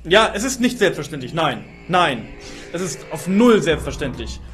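Expressive young man streaming a game. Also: fairly high pitch, normal speed, faint music behind. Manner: expressive, stumbling with repeated words. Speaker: let's-play streamer. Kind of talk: live game commentary.

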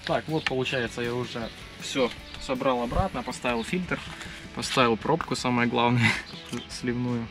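A man's voice: mid-range voice, moderate pace. A young man chatting casually for a motorcycle vlog in blunt, slangy speech, recorded outdoors on an action camera. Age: young adult. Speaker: motorcycle vlogger. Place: outdoors, on a moving motorcycle and in a yard. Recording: loud music over outdoor vlog audio. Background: loud music.

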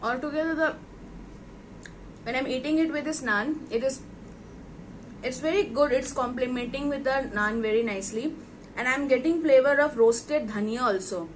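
एक भारतीय लहजे वाली महिला, मुँह में खाना भरा है और चबाते हुए धीरे-धीरे खाने के स्वाद का वर्णन कर रही है।. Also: female voice, sits high, slight background noise, low-quality recording. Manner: slow, repetitive tasting commentary. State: mouth full, chewing. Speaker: food vlogger. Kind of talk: casual food review vlog.

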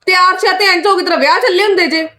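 Demanding whiny sister-in-law, very high voice, rapid-fire, played by a woman for a family skit. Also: pushed and bright. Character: demanding young married sister-in-law visiting her parents' home.

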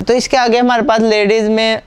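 A young Pakistani man, a shopkeeper giving an eager, teleshopping-style sales pitch for bargains in his shop. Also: level tone, fairly quick, clean tone. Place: inside a busy homeware shop. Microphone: clip-on lapel mic.

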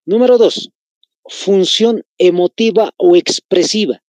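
A man's voice: high-pitched, slow pace, a little mellow, dry recording. A man with a Bolivian Spanish accent teaching an online class. He explains patiently, repeats key phrases and calls his students chicos.

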